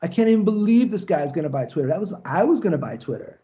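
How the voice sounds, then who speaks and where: A man's voice: sits high, big pitch swings, rapid-fire, warm tone, muffled recording, voice pushed up. A lecturer putting on the voice of a frustrated, envious man who keeps ranting that his big ideas were stolen. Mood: exasperated rant. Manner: ranting, exasperated, profane. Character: frustrated would-be entrepreneur man, envious, whiny.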